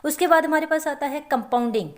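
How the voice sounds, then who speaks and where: A woman teaching a lecture to students, explaining step by step and often checking that they follow. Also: sits high. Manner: explains slowly with repeated check-ins.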